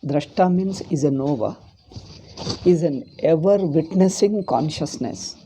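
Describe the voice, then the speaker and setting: A man with a South Indian accent teaching a scriptural lesson, deliberately repeating phrases for emphasis. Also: a little high, mellow, a little hiss or hum. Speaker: teacher of Vedanta philosophy.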